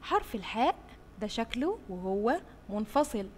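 A woman teaching young children in an Egyptian Arabic accent, slowly sounding out letters and praising them often. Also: on the high side, sing-song, a little mellow. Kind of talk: slow drawn-out phonics lesson for young children. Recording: roomy with long reverb, faint hiss.

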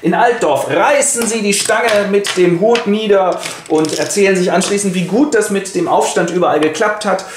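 A man's voice: high voice, moderate pace, slight background noise. A man narrating a comic literature retelling in a casual, wry way. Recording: roomy echo.

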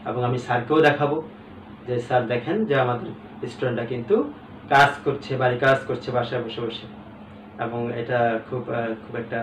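A male English teacher giving a recorded lesson, breaking words into syllables slowly and checking in often. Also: mid-range voice, recorded from a distance. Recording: echoey room, away from the mic, faint background hum.

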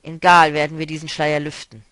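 A man's voice: a little high, flat delivery, fairly quick, bright, forceful tone, smooth, no echo. Lennis, a man voicing a stern commanding woman. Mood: determined.

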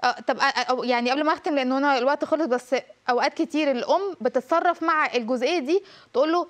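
A woman with an Egyptian accent hosting a TV talk show, asking questions and reading out viewer messages. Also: high voice. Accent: Egyptian Arabic. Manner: brisk, reads out viewer messages.

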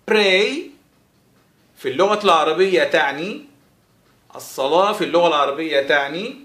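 A man with an Egyptian accent teaching a vocabulary lesson. He says English words very slowly, repeats them, then explains them quickly. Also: fairly high pitch, pushed and bright. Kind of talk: vocabulary lesson with slow repetition. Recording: roomy echo.

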